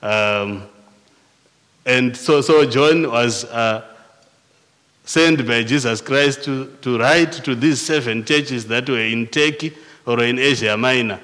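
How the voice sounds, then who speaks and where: A male pastor with a Zimbabwean accent delivers a sermon at an unhurried, measured pace. He often restarts and repeats words mid-phrase. His voice carries a long reverb, as in a church hall. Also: mid-range voice, a bit bright. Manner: slow and deliberate, with frequent restarts and repeated words.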